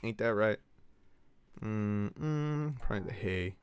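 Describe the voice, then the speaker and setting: Speaking slowly in a smooth, lowish voice, this male streamer on Twitch gets worked up over his game, swearing, letting out yelps, and bantering with viewers in chat.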